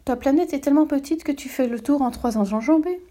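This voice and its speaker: A woman reading aloud and voicing a gentle, curious little boy who asks earnest questions. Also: sits high, fairly quick, pitched above the performer's own voice, lightly acted.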